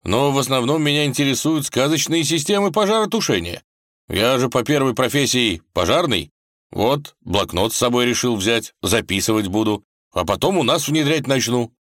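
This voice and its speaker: A man's voice: medium pitch, expressive, moderate pace, a bit bright, no room sound, studio quality, voice pushed up, lightly acted. A man voicing an earnest, slightly naive young husband who used to be a fireman.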